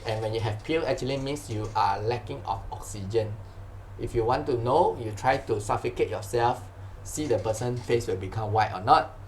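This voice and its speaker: A science tutor with a Malaysian accent gives an informal lesson on exam questions, repeating phrases and ending sentences with "lah" and "huh." His voice is mid-range at a normal speed, with a little hiss or hum in the audio.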